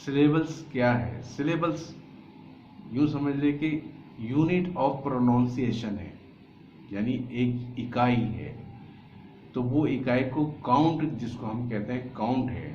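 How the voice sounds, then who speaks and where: A man giving a casual spoken English lesson, explaining slowly and haltingly and spelling out letters one by one. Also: mid-range voice, warm tone, slight background noise. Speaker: English teacher. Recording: echoey, dull room recording.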